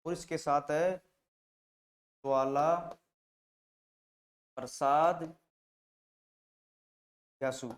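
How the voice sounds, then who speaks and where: A man's voice: fairly high pitch, steady tone, extremely slow, pauses often. A male teacher giving an exam-prep lesson, repeating names and quizzing the class with memory tricks. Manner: drills mnemonics with repeated questions and answers, shifting loudness.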